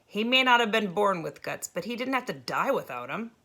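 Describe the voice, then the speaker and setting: A woman reading a novel aloud in a steady, expressive storytelling manner. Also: medium pitch, brisk. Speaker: reader.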